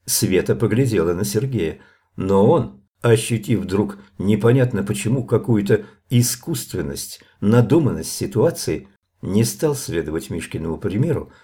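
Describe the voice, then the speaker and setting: Man, audiobook narrator, measured storytelling, low voice, mellow. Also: animated, husky. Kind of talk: audiobook reading of a novel.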